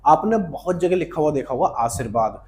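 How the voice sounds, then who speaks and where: A man teaches grammar in a friendly, chatty way and keeps asking the viewer questions. He sits a little high in pitch and answers each question himself, saying the key terms twice. It sounds like a grammar lesson for exam prep. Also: animated, a little fast.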